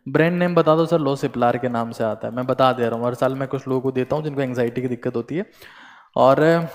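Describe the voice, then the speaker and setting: A man's voice: mid-range voice, a little mellow. A young Indian man teaching exam students in a playful, joking way, slipping into comic voices and a Haryanvi tone, and he feels a bit unwell. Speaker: coaching teacher. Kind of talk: motivational talk to exam students. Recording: long hall reverb.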